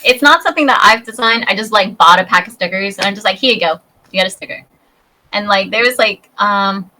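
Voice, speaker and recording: Woman, 30s, podcast guest. Bubbly and talkative, bright tone. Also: low-quality recording. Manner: bubbly, chatty, acts out high-pitched voices in her stories. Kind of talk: casual podcast chat.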